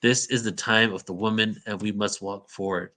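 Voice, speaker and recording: A man's voice: on the low side, steady tone, moderate pace, bright, forceful tone. A man hosting an interview, introducing his guest and asking her loose, friendly questions. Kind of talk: casual interview.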